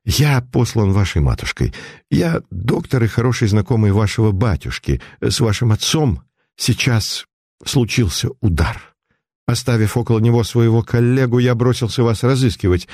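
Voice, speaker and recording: A man's voice: medium pitch, expressive, moderate pace, darkish tone, no echo, studio quality. A man playing an urgent, commanding doctor. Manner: polite but insistent.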